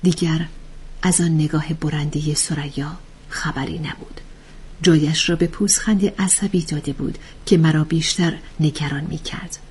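A woman narrating a story softly and in a hushed voice. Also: deep voice, steady tone, slightly rough. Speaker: audiobook narrator.

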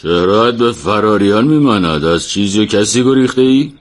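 A man's voice: on the low side, animated, natural voice. A man voicing a stern, suspicious camp leader questioning a stranger in a storybook tale.

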